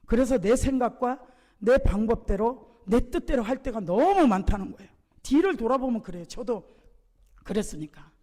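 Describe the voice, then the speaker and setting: A male pastor giving an emphatic sermon, jumping between loud exclamations and low, quiet asides. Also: expressive, moderate pace, long reverb tail. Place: church sanctuary.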